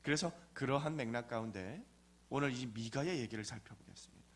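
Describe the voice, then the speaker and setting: A man's voice: medium pitch, animated, brisk. A man preaching a sermon in a conversational storytelling way, often asking his listeners questions. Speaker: pastor.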